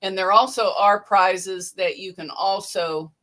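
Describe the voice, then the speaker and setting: A woman hosting a casual sewing livestream, briskly reading out viewer names and bid amounts from the chat. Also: mid-range voice, fairly even intonation, a bit bright. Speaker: livestream host. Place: indoor sewing room.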